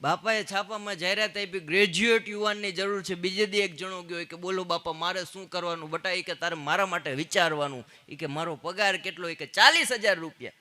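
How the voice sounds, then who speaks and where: Male stand-up comic, high and very bright voice, punchy storytelling on stage. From Gujarat, India. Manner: punchline jokes with quick quoted exchanges. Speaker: stand-up comedian. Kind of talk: live Gujarati stand-up storytelling.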